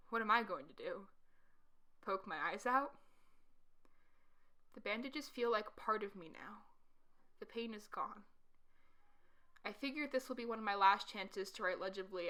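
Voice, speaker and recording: A woman playing a blinded, paranoid and defiant asylum patient, narrating a horror story with hushed, creeping intensity. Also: mid-range voice. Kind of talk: dramatic horror story narration in first person.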